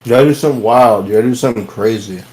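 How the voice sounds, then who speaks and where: A man's voice: mid-range voice, very fast, warm tone, poor audio. A man co-hosting a comedy podcast, teasing his co-host in a dry way. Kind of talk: casual chat.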